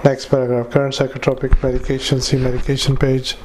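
A clinician dictating a patient report into a dictaphone, halting with frequent filler sounds and restarts. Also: male voice, mid-range voice, monotone, darkish tone, a little hiss or hum, poor audio. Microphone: handheld dictaphone.

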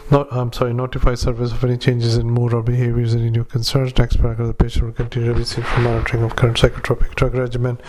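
Male physician, dictaphone recording of clinical notes, utterly flat delivery, frequent hesitations. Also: mid-range voice, background noise. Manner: flat, halting dictation with many fillers, spells out names. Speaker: doctor. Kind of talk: dictating a medical report into a dictaphone.

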